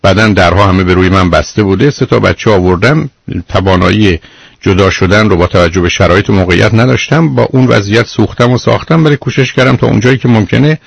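Blunt husky-voiced male radio host. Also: on the low side, no room sound. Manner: blunt, lecturing, interrupts the caller. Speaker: radio call-in advice host. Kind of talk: radio call-in counseling.

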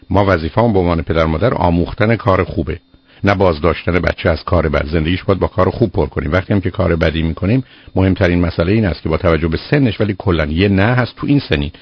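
A man's voice: low voice, breathy edge, no room sound. A man hosting a call-in advice show on the radio, firm and lecturing, cutting in on the caller. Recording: dull lo-fi radio broadcast.

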